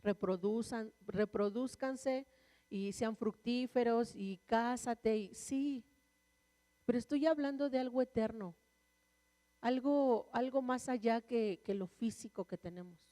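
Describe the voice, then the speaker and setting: A woman's voice: on the high side, unhurried, warm tone. A woman preaching a sermon and sharing a personal testimony in an earnest, conversational way. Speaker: church speaker. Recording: long reverb of a large hall.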